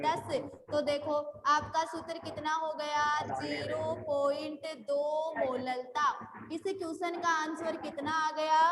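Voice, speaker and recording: Slow, high-voiced woman teacher. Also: in a large hall. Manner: slow and repetitive, asks and answers her own questions; calls students by name and praises them. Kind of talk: online class lecture.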